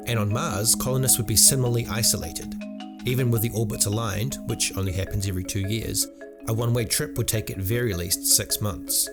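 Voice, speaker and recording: A man with a New Zealand accent giving clear, lightly wry scripted narration for an explainer video. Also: mid-range voice.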